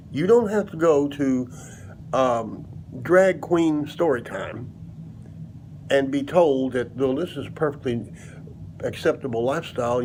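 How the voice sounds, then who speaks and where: A man in his sixties giving informal opinion commentary to the camera in a halting, emphatic way, recorded indoors at home. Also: mid-range voice, low-quality recording. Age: 60s. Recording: noticeable background noise, room ambience.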